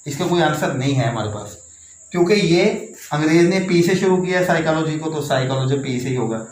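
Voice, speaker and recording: A man's voice: on the high side, fairly quick. A man explaining English spelling and pronunciation to learners, spelling words out letter by letter and repeating his points. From Pakistan. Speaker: English teacher. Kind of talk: classroom-style explanation. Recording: echoey room, faint background noise.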